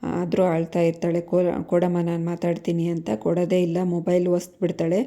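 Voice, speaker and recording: A woman casually retelling the plot of a TV serial episode in a steady way. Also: on the low side, normal speed. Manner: monotone, steady retelling with fillers. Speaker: serial recap narrator.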